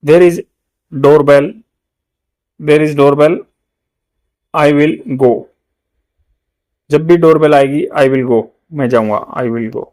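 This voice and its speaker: Slow-drilling Indian English teacher, man. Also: on the high side, steady tone, darkish tone. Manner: slow, repeats words to drill pronunciation. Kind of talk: exam-prep grammar lesson.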